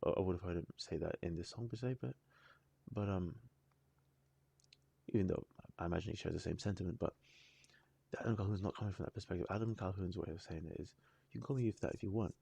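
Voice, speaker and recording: A man with a low, dark voice and a husky edge hosts a casual reaction video. He thinks out loud in halting, rambling sentences, circling back and restarting as he goes. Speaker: music reaction channel host.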